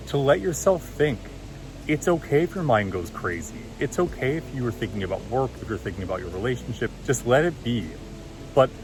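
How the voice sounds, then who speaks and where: A vlogger and meditation coach with a deep, low voice offers relaxed, encouraging meditation advice in a casual vlog. He's outdoors by a loud waterfall, and the low-quality recording is filled with rushing water noise.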